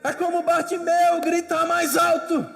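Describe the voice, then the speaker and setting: High-voiced preacher man. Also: completely flat delivery, unhurried, vocal fry, fairly bright tone, big-room sound. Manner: emphatic, repetitive exhortation. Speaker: pastor. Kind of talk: sermon. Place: church.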